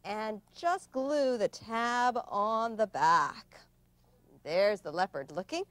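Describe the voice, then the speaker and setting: A woman hosting a children's craft show, gently explaining each step of making an animal. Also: mid-range voice, dry recording. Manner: slow, gentle step-by-step instruction.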